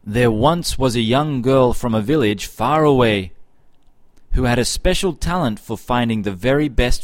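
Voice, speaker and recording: A man tells a folk tale in an unhurried storybook voice. His pitch rises and falls a lot as he reads. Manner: slow, expressive. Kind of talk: storybook narration.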